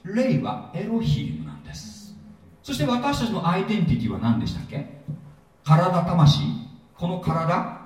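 A man lecturing a Bible seminar with a swinging, animated delivery and a mellow tone. He jokes and quizzes the audience as he goes. The sound is heavily echoey and picked up from some distance. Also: high-pitched, a little slow. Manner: lively, jokey, asks the audience questions. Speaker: pastor and seminar teacher. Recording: echoey hall, mic at a distance.

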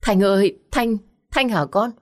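A woman's voice: mid-range voice, expressive, measured pace, a little mellow, voice pushed up, natural voice. A woman voicing an anxious older mother, tearful and pleading, in a storybook reading. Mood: distraught.

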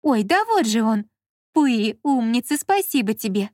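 Бойкая насмешливая молодая женщина, которую озвучивает чтица звонко и напористо отчитывает собеседника, голос заметно выше и громче обычного. Запись сухая, без эха. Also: female voice, fairly high pitch, big pitch swings, unhurried, a little mellow, no room sound, studio quality. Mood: bossy. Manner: mocking, emphatic. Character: bossy sharp-tongued young woman, fussing.

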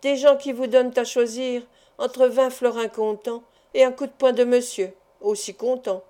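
A woman's voice: on the high side, steady tone, moderate pace, dark tone, lightly acted. A woman reading the lines of a cheeky, jaunty young male acrobat in an audiobook. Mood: mocking.

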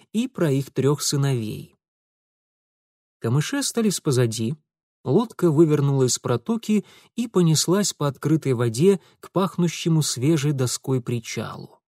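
A man narrating a fantasy novel in an expressive, storytelling manner. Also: mid-range voice, no room sound, studio quality. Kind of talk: audiobook narration.

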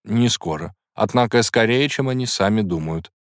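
A man's voice: lowish voice, lively intonation, normal speed, dry recording, clean studio sound, pitched above the performer's own voice, natural voice. A man reading an audiobook, voicing a distraught, devoted young man who pleads earnestly.

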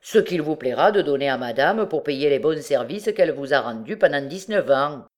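A woman's voice: low voice, lively intonation, moderate pace, darkish tone. A woman putting on a sly menacing convict bandit. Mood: menacing, mocking. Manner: mocking, threatening politeness.

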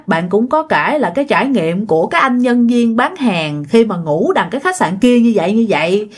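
A woman with a mid-range voice narrates ghost stories casually and lively, repeating phrases to build suspense.

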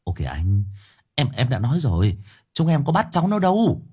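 A man voicing a polite young police officer who calmly placates the family. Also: medium pitch, brisk, breathy edge, voice pushed up. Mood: placating.

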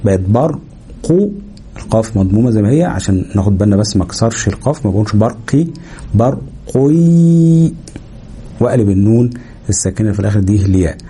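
A man with an Egyptian Arabic accent, teaching a Quran recitation lesson. He explains rules and slows down to demonstrate sounds, stretching out the nasal hum. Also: fairly low pitch, mellow, breathy edge.

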